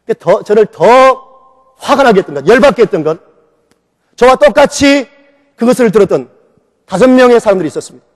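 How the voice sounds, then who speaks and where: A middle-aged man preaching a sermon as a pastor, telling his own testimony in an animated way and acting out the voices in it. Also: high voice, fairly quick, long pauses. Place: church sanctuary. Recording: long reverb of a church hall.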